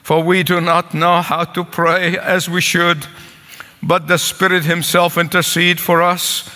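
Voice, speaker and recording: Older man, Egyptian accent, earnest pleading preacher; high, bright voice; pulpit sermon in a reverberant sanctuary. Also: level tone, measured pace. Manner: earnest, pleading, repeats phrases for emphasis. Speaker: pastor. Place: large church sanctuary with congregation. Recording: long church hall reverb.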